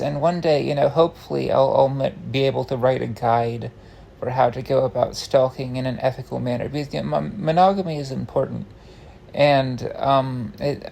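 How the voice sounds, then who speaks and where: Gravelly man rambling in a casual confessional. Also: medium pitch, darkish tone. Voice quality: gravelly, creaky. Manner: hesitant, meandering, self-interrupting with frequent false starts. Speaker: online content creator. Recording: faint background noise.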